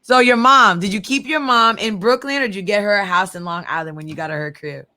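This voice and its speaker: A woman from Queens, New York, with a Queens accent, hosting a casual, slangy interview in an animated, effusive street-talk manner. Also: mid-range voice, fast, no echo. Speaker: interview co-host.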